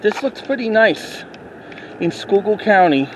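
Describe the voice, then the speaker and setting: A man narrating a walking tour outdoors on a town street, rambling and halting with many restarts, recorded on a handheld camera as he walks. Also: high-pitched, animated, slight background noise, low-quality recording. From New York City. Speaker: vlogger. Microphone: handheld camera while walking.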